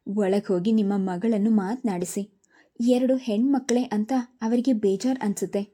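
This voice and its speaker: A woman's voice: medium pitch, steady tone, moderate pace, lightly acted. A woman reading the lines of a cheerful, frank young woman doctor in a storybook. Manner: warm, direct.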